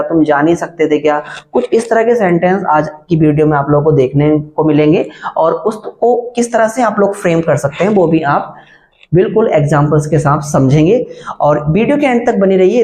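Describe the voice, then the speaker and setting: A man giving an online grammar lesson, explaining step by step and repeating example sentences slowly. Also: fairly high pitch, darkish tone. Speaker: English teacher.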